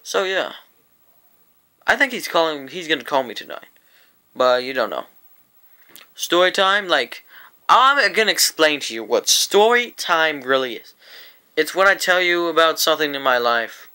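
A man's voice: on the high side, lively intonation, moderate pace, long pauses, sharp tone, smooth. A man telling a rambling, profane story-time tale to his vlog audience, often breaking into laughter. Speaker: vlogger.

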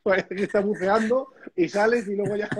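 His voice sits high and sounds husky: a Madrid percussionist co-hosting a relaxed live stream indoors in a small room at home. Reading viewer comments out loud, he ribs his friend with mock seriousness, captured through a phone or laptop camera on a video call in slightly dull, lo-fi audio.

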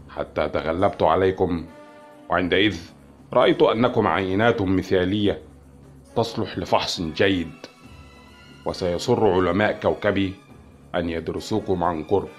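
A man voicing a cold, calm male alien envoy who speaks slowly and quietly. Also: sits low, faint music behind, natural voice. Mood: cold menace. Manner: cold and unhurried.

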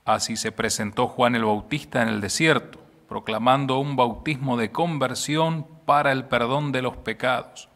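A middle-aged priest reading the Gospel aloud at Mass into a stand microphone in a small chapel, in a solemn, steady manner. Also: male voice, mid-range voice, normal speed, hardly any pauses. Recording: long chapel reverb.

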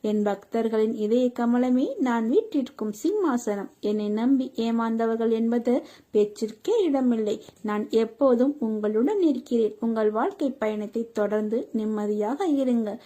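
A woman reading a scripted devotional message in a slow, soothing way, speaking as a deity who reassures a devotee. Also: fairly high pitch, dark tone.

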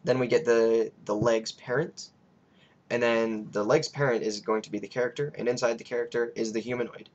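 A young man with a raspy voice hosting a casual coding tutorial, rambling and hesitant with many fillers. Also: medium pitch, level tone, fairly quick, highs cut off. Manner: rambling, hesitant, lots of ums. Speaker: scripting tutorial host.

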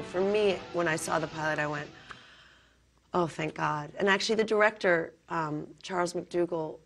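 A hoarse actress being interviewed, talking earnestly and animatedly, with frequent ums as she tells her stories. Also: sits low. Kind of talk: casual interview talk.

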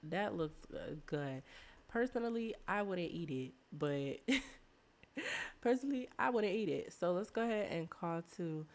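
A woman's voice: fairly low pitch, animated, unhurried. A woman with a sick voice, chatting casually as she plays a life-simulation game and playfully scolds her characters. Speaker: let's play host. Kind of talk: casual gameplay commentary.

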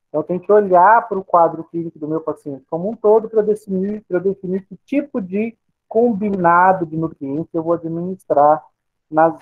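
A man with a Brazilian Portuguese accent, a pharmacy lecturer explaining slides and asking and answering his own questions. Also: fairly high pitch. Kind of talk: recorded lecture over slides. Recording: tinny phone-like audio.

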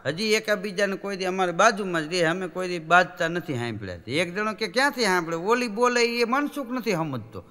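A man's voice: sits high, a little fast, few pauses, in a large hall. A man telling comic folk stories on stage, acting out the characters' lines. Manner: animated, acts out characters' lines in changing voices. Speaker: stand-up comedian. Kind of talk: live Gujarati folk comedy storytelling.

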